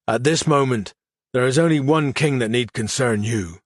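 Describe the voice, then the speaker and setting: A man's voice: medium pitch, lively intonation, normal speed, no echo, studio quality, natural voice. A man voicing a mad, twitching one-eyed male assassin with a theatrical, mocking manner, in an audiobook. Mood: menacing.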